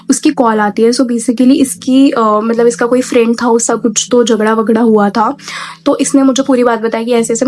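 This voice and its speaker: A woman's voice: on the high side, darkish tone. A young woman telling a storytime in a chatty, exasperated way, mixing Hindi with English phrases. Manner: exasperated retelling. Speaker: storytime vlogger. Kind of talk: casual storytime.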